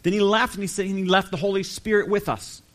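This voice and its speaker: A man preaching a sermon, earnest and emphatic, slowing down to stress key phrases. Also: high voice, fairly even intonation, fairly bright tone. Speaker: pastor.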